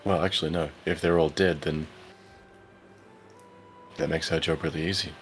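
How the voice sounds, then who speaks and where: A man's voice: very deep voice, steady tone, moderate pace, faint music behind. A man playing a tabletop game, talking in a dry, practical way. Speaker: player. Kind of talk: casual tabletop play.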